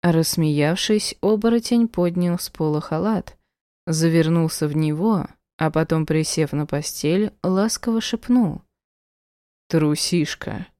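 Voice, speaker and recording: A woman reads a romance audiobook in an even, measured way. Her voice is low and mellow. It is recorded close and dry, with no room echo. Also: clear, resonant tone. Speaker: audiobook narrator. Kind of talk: scripted romance narration.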